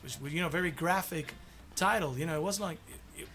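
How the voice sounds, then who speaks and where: A man's voice: on the high side, quick pace, a bit bright. A man, a tribute band musician chatting casually about music history, enthusiastic, laughing often and humming snippets of songs.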